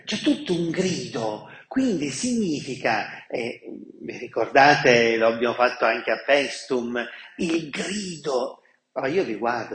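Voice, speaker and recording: Priest preaching slowly in an echoey hall. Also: male voice, medium pitch. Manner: animated and conversational, acting out voices. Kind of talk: sermon.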